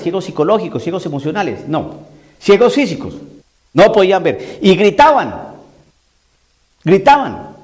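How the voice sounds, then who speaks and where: Guy preaching a sermon, high voice, keeps repeating himself for emphasis, acts out the quotes. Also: darkish tone.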